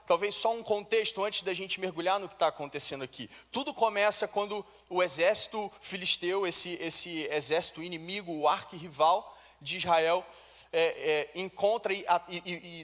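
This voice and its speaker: A man preaches to his congregation, telling the story in everyday slang and acting out the voices of its characters. His voice sits high for a man. A long reverb from the church hall trails each phrase. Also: fairly bright tone. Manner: storytelling with modern slang and acted dialogue. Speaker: pastor. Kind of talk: sermon.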